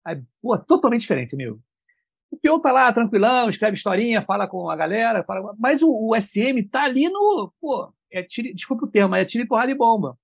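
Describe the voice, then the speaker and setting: A man tells work stories in an animated, slangy way, and his pitch jumps around a lot. His voice is gravelly and husky, recorded close and dry. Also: brisk, no room sound. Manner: lively, colloquial, animated storytelling. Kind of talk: casual conversation.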